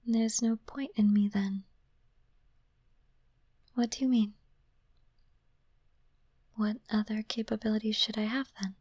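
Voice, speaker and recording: A woman voicing a gentle, caring young princess and future queen, speaking in a slow, soothing whisper close to the microphone. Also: fairly high pitch, steady tone, husky, dry recording. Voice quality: soft unvoiced whisper. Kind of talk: whispered ASMR roleplay.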